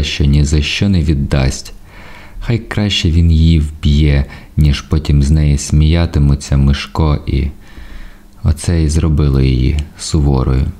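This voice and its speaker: Man narrating audiobook, very low voice, dark mellow tone, measured reading.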